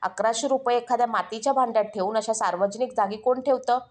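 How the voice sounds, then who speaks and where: A woman's voice: fairly high pitch, steady tone, quick pace, lightly acted. A woman voicing a clever, stern blind male mullah who scolds. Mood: scolding.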